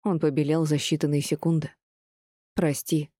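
A woman reading a novel aloud in an expressive audiobook narration. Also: sits low, fast talker, dry recording, clean studio sound. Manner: expressive, even storytelling.

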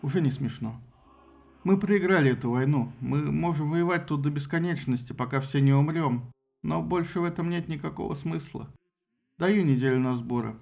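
Male reader as a weary, defeated army commander, low gravelly delivery, audiobook. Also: normal speed, a little mellow, lo-fi sound. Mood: resigned. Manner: tired, resigned.

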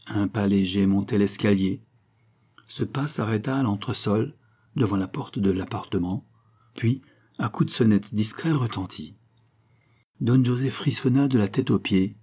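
Low, mellow male audiobook narrator. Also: slightly rough. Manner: measured, dramatic storytelling. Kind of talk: scripted narration.

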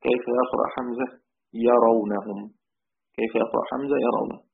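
A man with an Egyptian accent gives a lesson on Quran readings, slowly chanting quoted verse lines and repeating key words. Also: medium pitch, fairly even intonation, creaky. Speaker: Quran recitation teacher. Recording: tinny phone-like recording.

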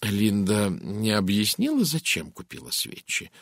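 A man playing belgian detective in an audiobook, measured and stern, low gravelly voice, dry sound. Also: huge pitch swings, no room sound, full character voice. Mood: probing. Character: fussy polite Belgian male detective, stern.

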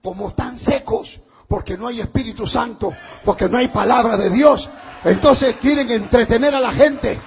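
High, gravelly shouting preacher man. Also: normal speed, highs cut off, a little hiss or hum. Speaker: pastor. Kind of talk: fiery Pentecostal sermon.

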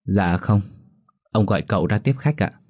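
A man's voice: fairly low pitch, animated, normal speed, darkish tone, no room sound, studio quality. A man voicing a timid young servant who answers meekly and grumbles to himself. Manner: meek, deferential replies.

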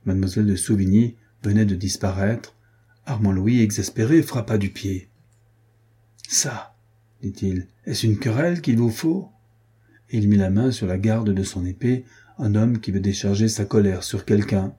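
Dark, husky-voiced male narrator. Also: on the low side, fairly even intonation, normal speed. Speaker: audiobook narrator. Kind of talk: scripted narration of a classic novel.

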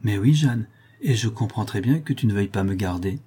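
A man reading aloud, voicing an earnest, self-reproaching young nun in a raised, husky voice. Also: lowish voice, expressive, brisk, warm tone.

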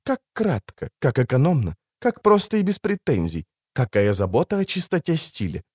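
A man voicing a proud, scorned sorceress in an audiobook reading, with biting sarcasm that softens into pleading. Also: mid-range voice, wildly swooping pitch, normal speed, slightly rough, no echo, studio quality. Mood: cold sarcastic.

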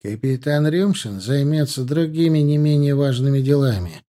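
A man's voice: lively intonation, dark tone, lightly acted. Man playing a stern, impassive officer. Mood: measured. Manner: impassive, measured, slightly higher pitch. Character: calm, stern male counterintelligence captain.

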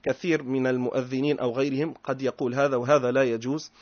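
Tunisian sheikh, slow emphatic teaching. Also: male voice, medium pitch, little pitch movement, darkish tone, dry recording, highs cut off. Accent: Tunisian Arabic. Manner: slow, emphatic recitation of phrases, mixing classical and dialect. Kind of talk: religious lesson.

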